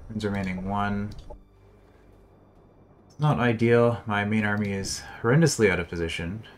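A man with a low voice narrates his own strategy game session, half talking to himself. His tone is dry, with bits of deadpan sarcasm. A faint buzz of crickets and insects sits under the recording. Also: moderate pace, a little hiss or hum. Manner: muttering, thinking aloud, dry sarcasm. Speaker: gameplay commentator. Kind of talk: casual let's-play commentary.

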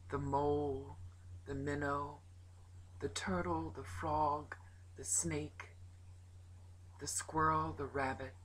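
A woman storyteller telling a folk tale in a slow, expressive performance that sometimes drops to a whisper. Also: low-pitched, slight background noise, rough recording. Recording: added nature ambience.

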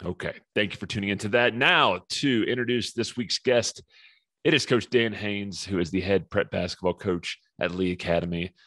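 A man with a low voice hosts a podcast, reading his intro in a brisk, upbeat announcer manner. His voice sounds dry and close, with no room echo. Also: fairly bright tone. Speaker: podcast host. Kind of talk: scripted intro and interview questions.

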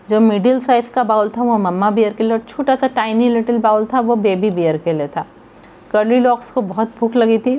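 A woman teacher explaining a children's story in a slow, patient way, often checking in with her pupils. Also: a little high, a little mellow, muffled recording. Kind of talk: textbook lesson explained in Hindi with English read-aloud.

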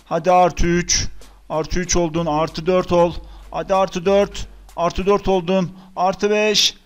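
Excitable Turkish gaming commentator. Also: male voice, high-pitched, takes it slowly, clear, resonant tone. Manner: excitable, swings between groans and outbursts. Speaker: gaming YouTuber. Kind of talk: casual let's-play commentary.

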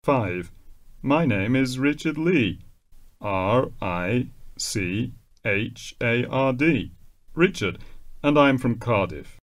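A man reads a short scripted self-introduction for a listening exercise. He speaks slowly and spells out a name letter by letter. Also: mid-range voice, lively intonation. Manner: slow, spells out names letter by letter. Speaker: exam recording reader.

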